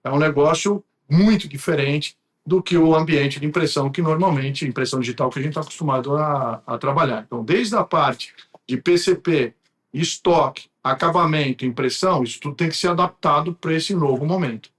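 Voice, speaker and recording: A man's voice: fairly high pitch, brisk. A man with a Brazilian accent, an interview guest explaining things in conversation. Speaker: guest from a printing company.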